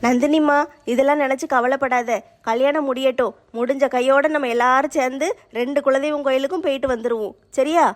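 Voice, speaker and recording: A woman's voice: sits high, steady tone, fairly quick. A woman acting in a homemade family skit, speaking in a soothing, motherly way.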